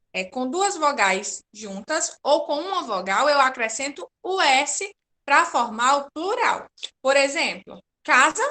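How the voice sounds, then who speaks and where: Woman teacher, high bright voice, patient and methodical in an online class. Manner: patient, explains step by step with frequent checks.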